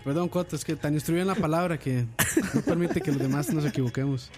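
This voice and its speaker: A man chatting as a guest on a podcast, joking and quick to apologize. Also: a little high. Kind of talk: casual chat.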